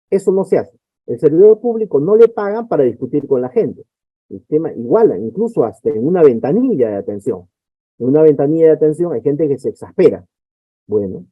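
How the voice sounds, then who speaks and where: A man giving a conference lecture on conflict management, explaining calmly and acting out example exchanges. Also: mid-range voice, no echo. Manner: explanatory, acts out example dialogues. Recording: dry, phone-like narrow sound.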